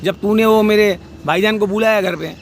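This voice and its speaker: A man's voice: high-pitched, fairly even intonation, normal speed, vocal fry, a little hiss or hum. A man delivering a heated, scolding rant about a family dispute, outdoors by a street. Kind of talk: angry spoken rant.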